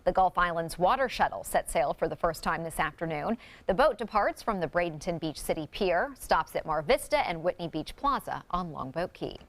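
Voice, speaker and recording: A woman anchors a newscast with a slightly low voice. She reads scripted stories in broadcast news style. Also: lively intonation, moderate pace, few pauses.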